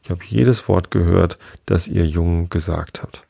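A man reading a hoarse, sleepy dormouse. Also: low-pitched, steady tone, a little slow, mellow, no room sound, studio quality, exaggerated voice. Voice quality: hoarse, weak. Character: sleepy, grumpy male dormouse storyteller.

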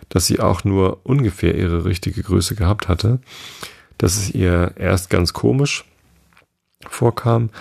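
Man reading a fairy tale aloud, very low voice, gravelly and a bit husky. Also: a little mellow. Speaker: narrator. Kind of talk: audiobook reading of a classic tale.

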